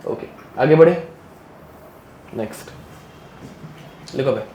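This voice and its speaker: A man's voice: mid-range voice, slow, dark tone. A male chemistry teacher giving a casual live classroom lecture, mixing English terms into his speech and often checking that students follow. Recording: echoey classroom with faint ambience.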